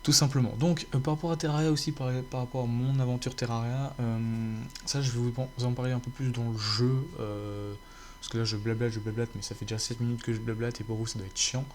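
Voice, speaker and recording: A man chats casually to his viewers, rambling and restarting his sentences, with plenty of fillers. His voice sits at a middling pitch. A faint hum runs under the recording. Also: steady tone, brisk. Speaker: gaming YouTuber.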